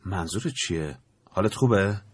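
A man voicing an irritated, tired young tenant in an audiobook, speaking fast and loudly in a raised voice. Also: medium pitch, expressive, husky, no echo, studio quality, pitched above the performer's own voice. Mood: annoyed. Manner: exasperated, quick, raised voice. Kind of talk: audiobook character voice.

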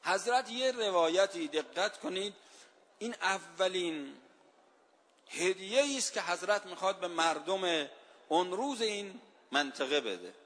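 A man with a high-pitched voice delivers a religious sermon as a story. He tells it with strong feeling, and he slows right down to draw out each line of verse. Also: lively intonation, a bit bright. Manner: emotive storytelling, slows and stretches verse lines. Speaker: preacher.

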